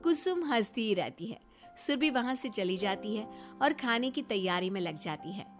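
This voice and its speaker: A woman narrating a family story in a plain, even storytelling manner. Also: mid-range voice, moderate pace, faint music behind.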